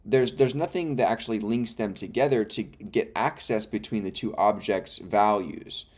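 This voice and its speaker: Hiccuping throughout, this livestream host speaks in a lowish, slightly mellow male voice at a normal pace. He murmurs coding steps under his breath and rambles through explanations, often correcting himself, over faint music and the sound of typing.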